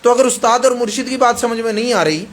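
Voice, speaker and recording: A male preacher with a Pakistani Urdu accent gives a hadith sermon in an emphatic way, repeating phrases and checking that the audience agrees. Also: extremely high pitch.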